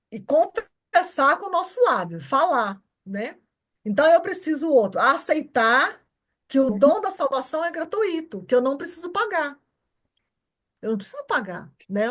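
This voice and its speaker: A woman with a Brazilian Portuguese accent teaching an informal Bible class at church. She repeats her points and keeps checking that the class understands. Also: sits high. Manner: repetitive, keeps checking understanding with short tags.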